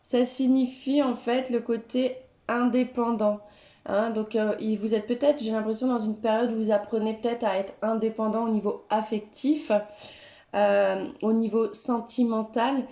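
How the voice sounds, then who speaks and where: A woman speaking French gives a gentle, hesitant card-reading guidance, with many fillers. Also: on the high side, steady tone, normal speed, reverberant. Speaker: tarot and oracle card reader.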